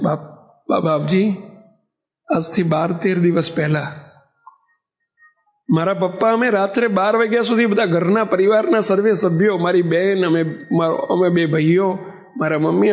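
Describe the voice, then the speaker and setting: A man's voice: sits high, vocal fry, a little mellow. A man, a monk, preaching by telling a true story vividly and acting out the dialogue. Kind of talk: sermon storytelling.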